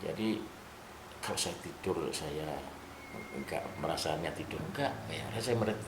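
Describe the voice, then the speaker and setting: An older man telling a story in casual spoken style, animated and rising to loud bursts at tense moments, with a gravelly voice. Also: very deep voice, moderate pace, background noise. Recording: roomy room with clear background ambience.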